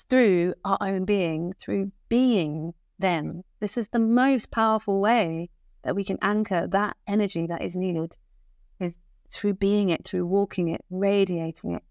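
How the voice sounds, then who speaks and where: A woman's voice: mid-range voice, a little mellow, dry recording, studio quality. A woman speaking as a guest musician in an interview, talking in an earnest, flowing, reflective way and often repeating and restarting phrases. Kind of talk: reflective spiritual interview talk.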